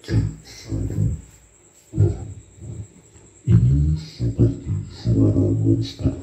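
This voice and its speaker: A man testing a microphone by counting, with his voice run through a deep monster voice-changer effect. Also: very slow, creaky, dark tone, echoey room, faint music behind, exaggerated voice, rough recording. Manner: mic-check counting. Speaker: audio gear demonstrator.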